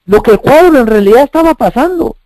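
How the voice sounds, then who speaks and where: A man delivers a sermon in a very high, animated voice that swoops up and down. He preaches emphatically, repeating phrases and asking rhetorical questions. The recording is dry and close. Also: fast talker, dry recording, rough recording.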